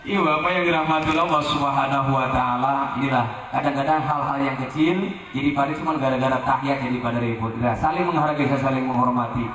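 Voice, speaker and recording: A man preaching, his bright, forceful voice carrying through a long, echoing hall. He sits well back from the microphone, and faint ambient noise runs under the sermon. His delivery swings from loud exhortation to quiet joking asides. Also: mid-range voice, a little fast. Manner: animated, swings between loud preaching and soft mock asides, chants Quranic verses. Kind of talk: humorous Islamic sermon. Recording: echoey hall, voice from far off the mic.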